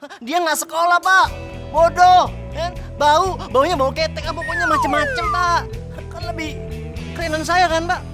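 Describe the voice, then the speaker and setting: An actor playing a pushy, jealous young suitor in a comic TV serial, whiny and pleading. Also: male voice, very high-pitched, big pitch swings, normal speed. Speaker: rejected suitor pleading with the girl's father. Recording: loud music behind.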